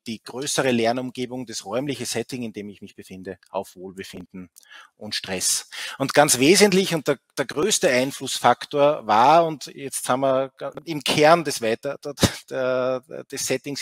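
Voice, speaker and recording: Speaking into a headset from an indoor office, a middle-aged keynote speaker gives his lecture over a video call, full of fillers and restarts. He has a mid-range voice, captured in a dry recording.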